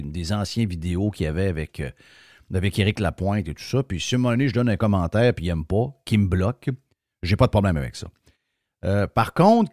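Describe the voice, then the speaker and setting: A man with a Quebec French accent hosting opinionated talk radio, his voice affected by sickness and carrying a smoker's rasp. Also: on the low side, darkish tone, dry recording, clean studio sound. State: sick, voice affected. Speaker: radio host.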